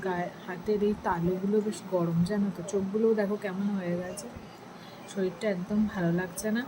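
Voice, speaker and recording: A woman vlogger who is hoarse from a sore throat, talking casually with effort in a weak, breathy voice. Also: medium pitch, steady tone, fairly quick, noisy background. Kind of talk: casual vlog voice-over.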